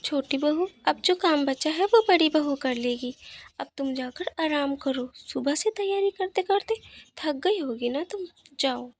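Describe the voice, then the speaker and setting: A woman's voice: high-pitched, a little slow, no echo. A woman voicing a stern, scolding mother-in-law in a cartoon story. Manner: bossy, scolding.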